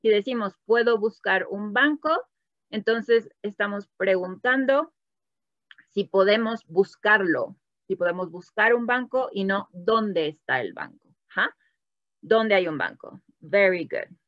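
Slow, patient woman teaching Spanish. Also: mid-range voice, expressive, fairly bright tone, dry recording, dull audio. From Latin America. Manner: patient, encouraging, switches between English and Spanish. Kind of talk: bilingual online language lesson.

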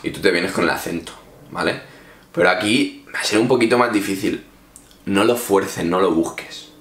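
A man's voice: sits low, normal speed, a bit bright, echoey room. A man from Spain giving casual, direct advice to viewers in a chatty vlog. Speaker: English teacher vlogger. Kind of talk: casual advice talk to camera.

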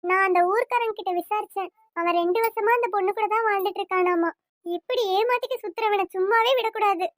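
A woman's voice: extremely high pitch, quick pace, dry recording, clean studio sound. A woman voicing a fretful, pleading village auntie. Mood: earnest. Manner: pleading, apologetic, repeats 'akka'. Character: worried village woman, family friend. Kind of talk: cartoon voice acting.

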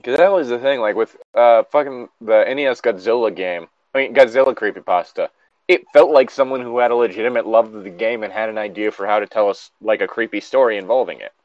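A man with a lowish voice talks fast as a co-host mocking internet horror fiction, joking casually, sometimes reading passages aloud, and swearing freely out of exasperation. The recording is muffled with no room sound.

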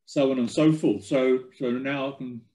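An older man giving an informal, somewhat halting slide lecture over a video call from a room at home. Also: mid-range voice, fairly even intonation, mellow, reverberant. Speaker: guest lecturer.

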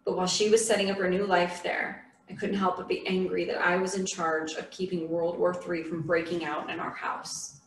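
A woman reads a memoir aloud in a measured, earnest way. Her voice sounds roomy and set back from the mic in a church, with a faint hiss underneath. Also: on the low side, level tone. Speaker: memoir reader. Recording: echoey room from a distant mic.

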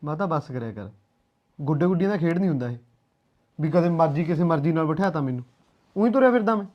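Man playing an angry son, confrontational, quick speech, muffled sound. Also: a little high, expressive, close to an everyday voice. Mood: bitter. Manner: bitter, confrontational. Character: angry grown son defending a girl. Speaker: actor. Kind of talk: short film drama.

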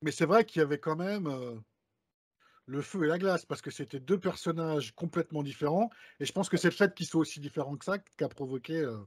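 A man's voice: fairly high pitch, brisk, slightly rough, no room sound, studio quality. A man interviewing a guest in a casual chat, offering short agreeing prompts.

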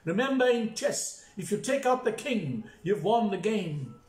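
A man's voice: high voice, big pitch swings, measured pace. A male pastor telling a story in a sermon, with dramatic, repeated emphasis. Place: church. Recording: echoey church with faint music.

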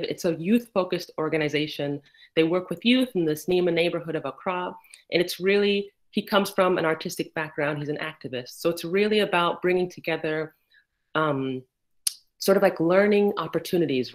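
A woman in her thirties from the United States, giving a casual, thoughtful research talk over a laptop video call with frequent fillers. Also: on the low side. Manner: conversational, thoughtful, many fillers. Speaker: PhD candidate presenting research. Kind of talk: casual online presentation. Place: indoor room.

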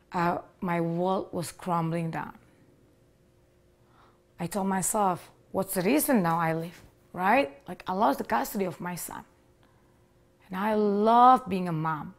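Speaking slowly in a low voice and leaving long pauses, a thirty-something Indonesian woman tells her personal story to the camera. Her Indonesian accent and small grammatical slips come through in an earnest telling. She sits in an indoor living room with a leather sofa, recorded on a lapel mic.

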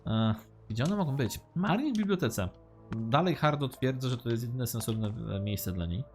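A man's voice: medium pitch, lively intonation, moderate pace, darkish tone, faint music behind. Chatty man giving playful game commentary. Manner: chatty, joking, reads game lines aloud. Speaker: let's-play gamer. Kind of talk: casual gameplay commentary.

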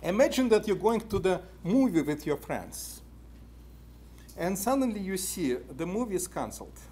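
A Russian-accented man in his fifties lectures animatedly from a podium in an indoor meeting room, sprinkling in many "uh" fillers and posing questions to the audience. His voice is high-pitched and sing-song, warm in tone, at a normal speed. A room camera captures him from a distance, with slight background noise.

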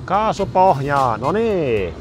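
A man vlogging at an amusement park, joking and shouting on the rides, his voice going hoarse. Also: on the high side, faint music behind. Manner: excited, jokey, shouts on rides. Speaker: YouTuber. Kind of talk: amusement park ride vlog. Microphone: action camera.

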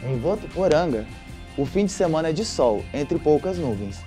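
A man's voice: fairly high pitch, big pitch swings, moderate pace, music in the background. A young man presenting a scripted weather forecast in a studio, reading steadily. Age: young adult.

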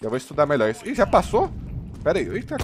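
Fast-talking Brazilian gamer man. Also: fairly high pitch, wildly swooping pitch, slight background noise. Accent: Brazilian Portuguese. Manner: hyped, slangy banter, calling plays. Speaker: gaming streamer. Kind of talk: live gameplay commentary with teammates.

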